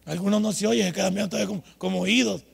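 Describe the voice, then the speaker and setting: An older man preaching a humorous, scolding sermon at a night vigil, with sudden loud outbursts. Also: sits high, racing, long reverb tail. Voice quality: raspy, gravelly. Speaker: pastor.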